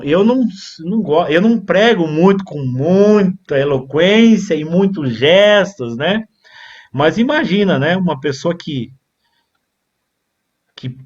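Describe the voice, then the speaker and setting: A man teaching a church leadership class on preaching, reading from notes and then drifting into chatty asides to his brothers. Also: a little high. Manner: reads from a text then digresses into chatty asides with "né, irmãos". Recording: dull lo-fi recording.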